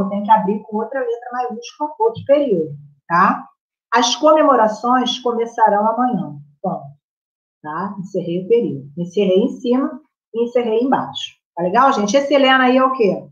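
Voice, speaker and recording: A woman's voice: a little high, animated, fairly quick. A Brazilian Portuguese-accented woman teaches a live grammar class. She talks in a chatty way and keeps checking in with her students. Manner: chatty, checks in with the class by constantly asking "right?". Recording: roomy, slightly muffled room sound.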